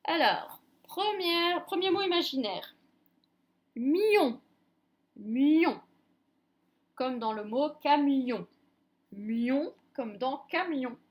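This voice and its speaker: A woman teaching a reading lesson to young children, speaking slowly and sounding out each syllable with careful articulation. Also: sits high, lively intonation. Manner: slow, clearly articulated, drawing out sounds. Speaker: primary school teacher.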